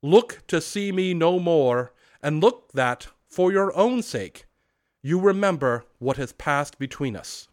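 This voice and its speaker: Man booming as a grieving ghost. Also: animated. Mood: thundering. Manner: loud, slow, declamatory. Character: tormented male ghost, old, solemn and grieving. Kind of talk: storybook reading.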